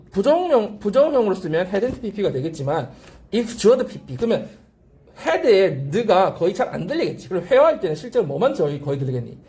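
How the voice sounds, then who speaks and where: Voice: medium pitch, dark tone. An English teacher giving a classroom grammar lecture, drilling pronunciation by repeating phrases and constantly asking the class check-questions. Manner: asks frequent rhetorical check-questions. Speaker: English teacher at a language academy.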